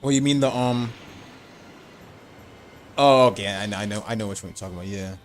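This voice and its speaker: A man's voice: lowish voice, a little fast, a little hiss or hum. A man chatting casually on a live game stream, rambling and opinionated.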